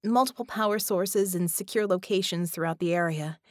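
A woman narrator voicing an earnest, practical young heroine with metal skin who talks briskly and in a businesslike way, in an audiobook. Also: on the low side, no echo, studio quality, lightly acted. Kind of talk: audiobook character voice.

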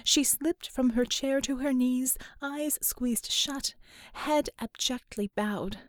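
Slow, expressive woman narrating a story. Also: sits high, no room sound, studio quality. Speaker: audiobook narrator. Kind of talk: scripted narration.

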